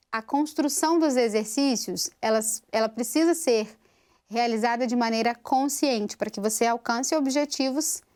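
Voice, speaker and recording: A woman teaching a vocal technique lesson, explaining step by step and asking rhetorical questions. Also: high voice. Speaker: singing teacher.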